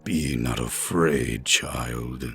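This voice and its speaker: A man voicing a tall cloaked male being from the underworld, speaking slowly, deeply and commandingly, in a horror story reading. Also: vocal fry, a bit bright, exaggerated voice. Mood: calm. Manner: slow, deep and commanding.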